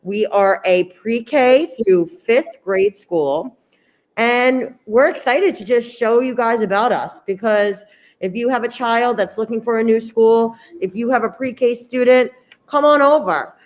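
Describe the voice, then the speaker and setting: A woman's voice: a little high, animated, measured pace. A woman hosting a school open house, chatting playfully and enthusiastically with viewers and a young student. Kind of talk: upbeat casual chat.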